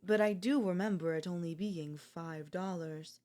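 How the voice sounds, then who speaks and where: A woman's voice: lowish voice, normal speed, darkish tone, close to an everyday voice. A woman voicing a bratty, spoiled young queen in an ASMR audio role-play, whiny and playfully haughty. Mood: haughty pouty.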